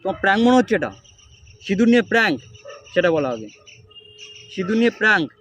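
Man pleading very fast. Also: sits high, sing-song, no room sound, faint music behind. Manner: pleading, repetitive, coaxing. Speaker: prankster vlogger. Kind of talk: staged prank argument. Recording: muffled phone audio with loud background noise.

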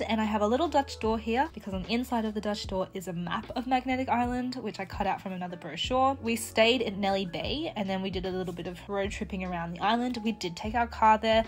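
A woman travel vlogger narrating a flip-through of her journal in a chatty, upbeat voice-over, laughing softly now and then. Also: medium pitch.

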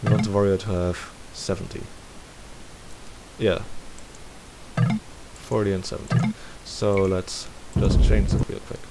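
Deep-voiced and measured, this man leaves long pauses as he narrates a casual screen-recorded game tutorial, working through it step by step out loud. A steady hiss runs beneath the recording.

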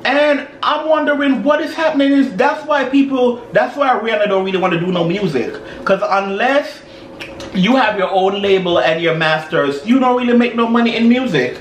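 A young man with a high-pitched voice shares slangy gossip while chewing and eating. His talk is casual. The sound is roomy, with faint noise behind it. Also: moderate pace. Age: young adult. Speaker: mukbang host. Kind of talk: casual celebrity gossip chat. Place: indoors at a table, dark backdrop.

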